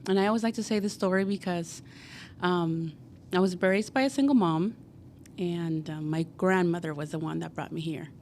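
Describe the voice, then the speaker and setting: A woman in her forties from Guatemala, who started a cleaning company, is interviewed on a casual podcast and tells her story chattily. She has a fairly low, darkish voice at a moderate pace and leans on fillers like "like" and "you know." There's a little hiss or hum.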